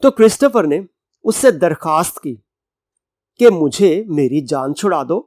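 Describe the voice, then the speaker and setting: A male English teacher with a Pakistani Urdu accent, giving a college lecture. He reads the English lines slowly, word by word, then explains them in Urdu with synonyms and everyday examples. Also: a little high, lively intonation, darkish tone, dry recording, clean studio sound.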